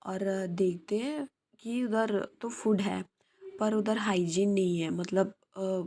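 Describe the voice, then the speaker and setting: Mellow-voiced woman telling a story. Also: mid-range voice, takes it slowly. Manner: hesitant, with many filler sounds. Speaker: channel host and storyteller. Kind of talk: casual spoken storytelling.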